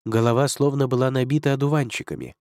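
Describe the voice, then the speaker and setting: A man narrating an audiobook in a steady, even storytelling manner. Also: mid-range voice, fast talker, dry recording, clean studio sound.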